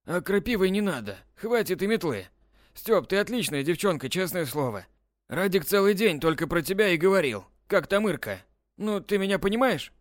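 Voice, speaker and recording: A man's voice: sits high, sing-song, moderate pace, no echo, studio quality, voice pushed up. A man doing a cocky teasing teenage boy. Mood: apologetic. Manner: mocking and brash. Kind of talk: audiobook character voice.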